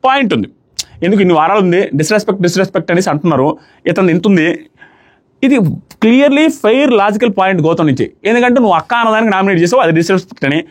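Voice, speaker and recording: Young guy ranting through a reality show review, talks super fast, highish voice, lots of rhetorical questions. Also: expressive. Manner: rapid, argumentative, asks rhetorical questions. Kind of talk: opinionated review commentary.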